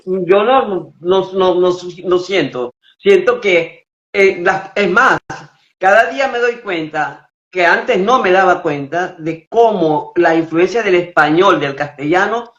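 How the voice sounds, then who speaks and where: A woman's voice: lowish voice, slow pace. Venezuelan woman host, casual storyteller, stumbles and restarts, lo-fi roomy audio. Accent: Venezuelan, Maracaibo. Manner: chatty, anecdotal, restarts words. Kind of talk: live-stream conversation.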